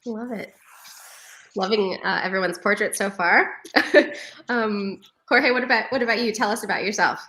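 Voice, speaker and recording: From her home living room, a New York City woman moderates a live online panel over a video call, upbeat and laughing often. Her voice is mid-range and sharp in tone, at a moderate pace.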